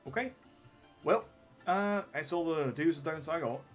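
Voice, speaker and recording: A man acts as game master, describing scenes in a casual, improvised flow. His voice sits a little high for a man. Faint guitar music plays behind him. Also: animated, unhurried.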